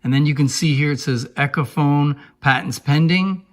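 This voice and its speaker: A man with a somewhat high voice and moderate pace, an antique phonograph collector and presenter, gives an informal, unscripted demonstration, explaining things plainly to viewers. The recording sounds echoey and roomy.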